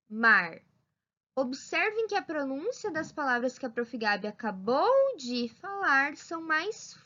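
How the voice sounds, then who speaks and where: A woman giving a children's lesson as a primary school teacher, talking slowly and spelling things out clearly. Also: high voice, pushed and bright. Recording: dull lo-fi sound.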